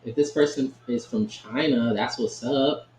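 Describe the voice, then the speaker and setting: A man's voice: medium pitch, fairly even intonation, unhurried, a little mellow. A man talking through his card game in a loose, chatty way, tagging "right?" onto his thoughts and laughing easily. His mid-range voice rings in a roomy, echoey space with a faint hum of ambience behind it. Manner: chatty, keeps asking "right?", laughs often. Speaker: gaming channel host. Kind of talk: casual gameplay commentary.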